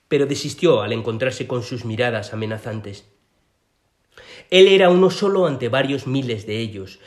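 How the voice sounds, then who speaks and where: A man reading a children's story aloud as narrator, in an expressive way. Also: mid-range voice. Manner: expressive, sing-song reading.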